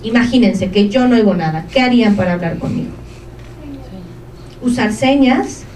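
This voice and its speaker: A woman's voice: mid-range voice, expressive, moderate pace, darkish tone. Woman presenting in an echoey room. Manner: keeps checking in with the audience with short questions. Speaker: presenter of an information session. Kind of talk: informative talk to a live audience. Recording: echoey room from a distance, faint ambience.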